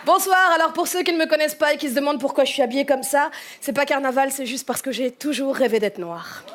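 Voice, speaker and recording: A woman comedian doing a stand-up set with brisk, sarcastic asides. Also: sits high, music in the background. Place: stage with a live audience. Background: faint audience.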